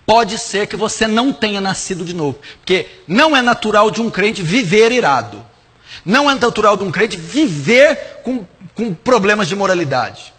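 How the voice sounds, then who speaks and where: A man preaching as a pastor, speaking bluntly and working through his points in order. His voice sits a little high and has a husky, grainy edge. It carries a long, trailing reverb. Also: very animated, normal speed, fairly bright tone. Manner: frank, direct, lists points one by one. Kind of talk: teaching sermon answering a question.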